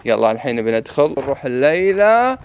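Man, Gulf Arabic accent, rapid casual vlogging, repetitive coaxing of children, faintly noisy handheld recording. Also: medium pitch, very animated. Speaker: family vlogger, father. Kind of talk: casual family vlog commentary to children and viewers. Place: outdoors and inside an empty derelict concrete building. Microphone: handheld camera held by the speaker. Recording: faint noise, handheld camera on location.

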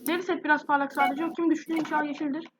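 A gaming YouTuber with a sore, irritated throat chats casually to viewers, addressing them directly during gameplay commentary. Her voice sits high with little pitch movement, she races along, and the background is noisy.

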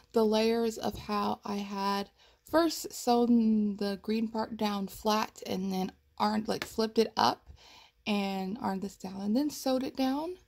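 Sitting at her computer at home, a young cosplay vlogger talks casually through photos of her costume progress, rambling, laughing, and with a slight crack in her voice. Her voice is a little high and a little mellow, with vocal fry.

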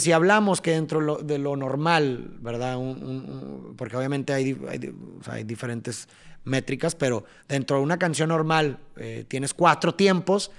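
A young man with a Mexican accent, a podcast guest explaining things in a casual, animated way, sometimes tapping out rhythms. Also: mid-range voice, creaky.

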